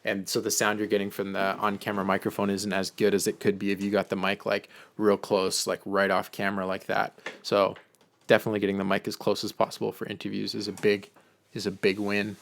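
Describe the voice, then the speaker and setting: Low, flat-voiced man chatting casually. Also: a little fast, vocal fry. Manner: loose and chatty, full of "um" and "like"; answers viewer questions read from chat. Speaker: filmmaker hosting a live Q&A. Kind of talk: casual live-stream Q&A.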